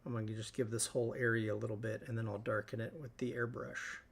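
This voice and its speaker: A man hosting a live painting stream, talking through each step in a relaxed way as he works. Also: on the low side, fast, gravelly, slightly rough. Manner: relaxed, thinking aloud while working. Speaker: host.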